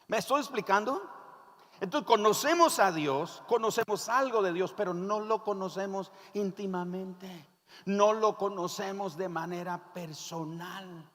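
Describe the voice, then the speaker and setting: A pastor with a Nicaraguan accent delivers his sermon in an animated storytelling style, his fairly high voice rising and falling with wide swings. He calls on the congregation to repeat his phrases after him. The voice carries a long reverb from a large church hall. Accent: Nicaraguan Spanish.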